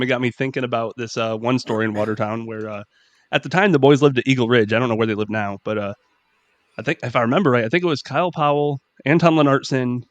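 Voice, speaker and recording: A man hosting a podcast talks in a relaxed, easygoing chat, often chiming in with quick agreements. His voice comes through a muffled, slightly lo-fi mic in a dead, dry space with no room echo. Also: mid-range voice. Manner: laid-back, reacts with short agreements. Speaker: podcast host. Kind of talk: casual chat.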